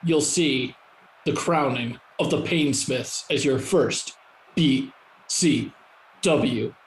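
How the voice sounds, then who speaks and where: A man's voice: mid-range voice, takes it slowly, roomy sound, slight background noise, pitched below the performer's own voice, lightly acted, poor audio. A man voicing an arrogant heel wrestler addressing the crowd, smug and dismissive. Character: arrogant heel male wrestler cutting a promo.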